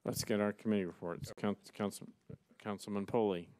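A middle-aged man chairing a council meeting, reading resolutions aloud in a brisk, formal way from a desk mic. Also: on the low side, steady tone, a little mellow, no room sound. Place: large council chamber, seated at dais. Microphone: desk gooseneck mic.

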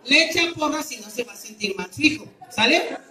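A man with a Mexican accent performing as a street clown, teasing and calling loudly to an outdoor crowd. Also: extremely high pitch, animated, brisk. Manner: loud, teasing, calling out to the audience. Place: outdoor public square. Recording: echoey, distant and noisy.

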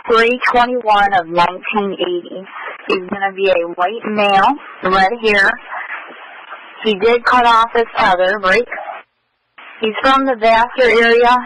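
This is a man's voice coming through a police radio transmission as he reads out a dispatch bulletin. He sits high in pitch and keeps a flat, even delivery. He is clipped and procedural, repeats the key details, and a faint hiss runs under the audio. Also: poor audio.

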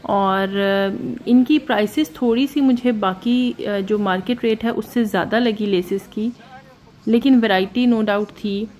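A woman with a medium-pitched voice narrates her shopping vlog in a relaxed, chatty manner. She often pauses on filler sounds and mixes in English phrases.

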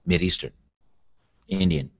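A man co-hosting a casual wrestling chat podcast, laid-back and swearing freely. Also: a little slow. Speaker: podcast co-host. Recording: dull, dry lo-fi sound.

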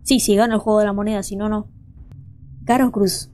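A woman's voice: mid-range voice, fairly even intonation, fairly quick, warm tone. A young woman, hosting a let's play and chatting to viewers as she thinks aloud. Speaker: gaming channel host.

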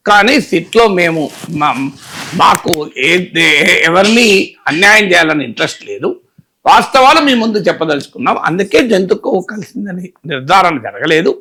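A man's voice: sits high, expressive, normal speed, bright, forceful tone, a little hiss or hum. A man giving political commentary, emphatic and full of rhetorical questions. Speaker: political analyst.

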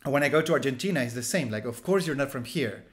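A fast-talking man with a medium-pitched voice, in his thirties and from Chile, tells stories in English as a second language, his native tongue Spanish and his accent Chilean. As a street photographer guest in a casual video-call interview on a headset, he rambles with "like" fillers, restarts and animated gestures, sitting in a small room at home indoors.

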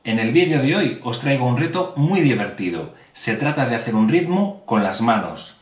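A man teaching a hand-clapping rhythm in a video tutorial, speaking slowly and clearly and addressing viewers directly, indoors at a table. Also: mid-range voice, very animated, recorded from a distance. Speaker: music teacher. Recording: roomy sound with music behind.

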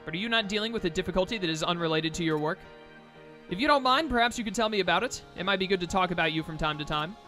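A loyal lion-man warrior from a video game, read out by a man, talks with formal, gentle concern. The voice is high and bright, with light music behind it. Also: animated, very fast. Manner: formal, solicitous.

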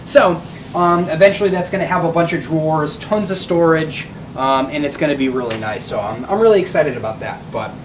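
A man with a slightly high voice rambles casually through a tour of his basement workshop, filling pauses with plenty of ums and uhs. The sound comes from a camera mic that moves around the room, with a faint background hum. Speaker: guitar builder showing his workshop.

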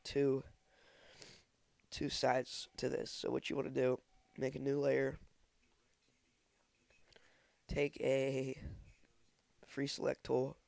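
A young man walks through a computer tutorial, his voice stuffy from a cold and edged with fry. He hesitates often with ums and uhs. The sound is dry and close. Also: mid-range voice, monotone, takes it slowly, long pauses, darkish tone, no room sound. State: congested from a cold. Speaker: software tutorial maker. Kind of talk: screen-recorded tutorial.

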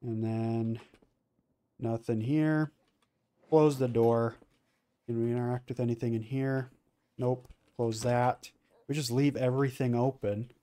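A man's voice: medium pitch, fairly even intonation, measured pace, pauses often, dark tone. A man giving casual, rambling commentary on his gameplay, full of fillers and restarts. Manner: rambling, filler-heavy, self-correcting. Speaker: let's play gamer.

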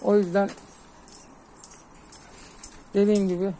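A man's voice: sits high, little pitch movement, slow pace, low-quality recording. A man, a pigeon keeper, talking casually and earnestly to his viewers while filming outdoors on a rooftop with a phone. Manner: earnest, advising, calls pigeons with soft hissing sounds. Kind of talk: casual vlog talk to viewers.

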